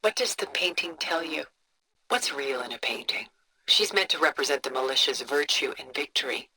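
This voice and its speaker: For a video game, an actress voices a cultured, composed older woman who collects art, speaking in a deep voice. Her refined, measured, contemplative delivery is reflective and admiring, with soft breathy phrase endings. The dialogue plays like museum-guide storytelling.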